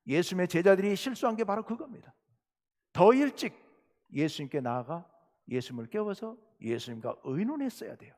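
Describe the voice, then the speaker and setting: A male pastor preaching a Sunday sermon who asks the congregation questions and urges them on. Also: high voice. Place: church sanctuary. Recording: long church reverb.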